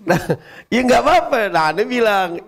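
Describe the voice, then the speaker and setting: A man's voice: sits high, normal speed, gravelly. A middle-aged man, preaching casually and acting out the people in his stories. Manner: lively storytelling, acting out quoted parents and kids. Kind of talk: casual sermon.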